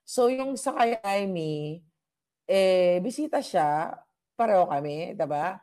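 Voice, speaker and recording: Chatty woman vlogger, low voice. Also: takes it slowly. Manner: animated and chatty, mixing in English; laughs often between lines. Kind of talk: casual gossip storytelling.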